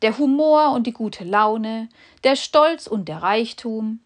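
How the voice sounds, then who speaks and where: A woman narrating a fable in a calm, measured storybook reading. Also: a little high.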